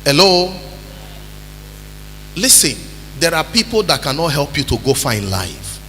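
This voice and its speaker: Nigerian pastor preaching in a reverberant hall. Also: male voice, fairly high pitch, very animated, measured pace. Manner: preaching with call-and-response, rising to shouts. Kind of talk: sermon. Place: church hall. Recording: reverberant church hall with music.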